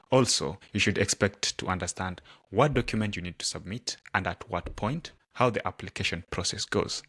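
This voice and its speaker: A man hosts an interview podcast and introduces his guest. His voice sits low. He lays out his questions in a measured, structured way. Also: fairly bright tone. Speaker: podcast host.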